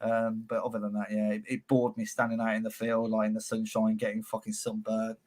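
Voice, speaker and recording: A man's voice: fairly low pitch, completely flat delivery, a little fast, darkish tone. A man with a Birmingham accent hosting a podcast interview, talking bluntly in laddish banter with plenty of swearing. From Birmingham, England. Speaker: podcast host. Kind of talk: casual interview chat.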